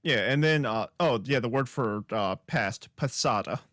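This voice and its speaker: A man's voice: mid-range voice, measured pace, a bit bright, no echo, clean studio sound. A man co-hosting a casual podcast chat over a voice call, easygoing and joking. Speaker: podcast co-host. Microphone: computer mic on a voice call.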